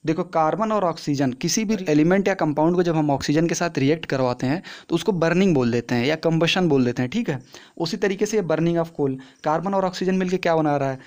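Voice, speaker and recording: A man's voice: a little high, fairly quick, darkish tone. A young man teaching a science lesson in a chatty classroom way, asking questions and answering them himself. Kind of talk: casual classroom explanation.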